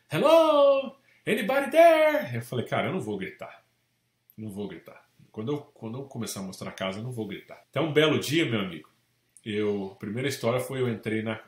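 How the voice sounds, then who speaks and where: Animated Brazilian man telling anecdotes. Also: on the low side. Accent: Brazilian Portuguese. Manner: animated anecdotes, acts out quoted people. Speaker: real estate agent, podcast guest. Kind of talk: casual storytelling interview. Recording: echoey room.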